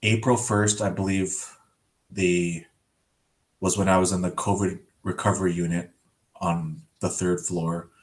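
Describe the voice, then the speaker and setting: Deep-voiced guy in his 30s from canada, careful, quiet recall. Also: little pitch movement, unhurried. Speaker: interviewee. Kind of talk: recalling illness in an interview.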